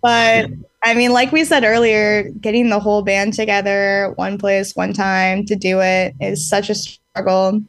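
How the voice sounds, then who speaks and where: Unhurried and level, the mid-range voice of a woman in her late twenties comes through close and dry, with no echo. She's a singer in a band guesting on a podcast, rambling reflectively in a casual interview, thinking aloud with plenty of ums and easy laughter.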